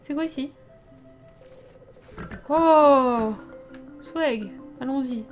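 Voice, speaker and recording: A young woman streaming a game, chatting casually with her viewers, laughing often and sometimes breaking into loud startled outbursts. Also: sits high, extremely slow, faint music behind. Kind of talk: casual let's play commentary.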